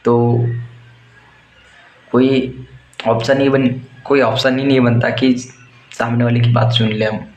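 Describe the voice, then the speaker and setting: Speaking a little slowly with long pauses, this medium-pitched man keeps a fairly even intonation while handing out crude, energetic life advice. The young warehouse worker's casual pep talk carries a roomy echo and some faint noise.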